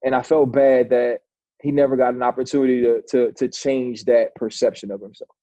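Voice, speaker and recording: A man's voice: mid-range voice, flat delivery, brisk, mellow, no room sound. A man in his forties, a former football player, telling a long personal story in a casual interview, talking loosely with many restarts and calling the host "bro".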